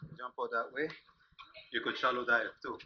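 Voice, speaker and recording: A man's voice: medium pitch, level tone, moderate pace, muffled recording, very noisy. A man working as a tour guide, giving casual instructions to a group inside a cave.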